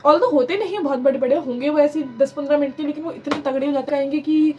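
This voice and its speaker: Young female vlogger, high voice, chatty rambling storyteller, code-mixes English. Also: fast talker, highs cut off, noisy background. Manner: animated, rambling, mixes English phrases into Hindi. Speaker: vlogger telling a personal story. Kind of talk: casual storytime narration.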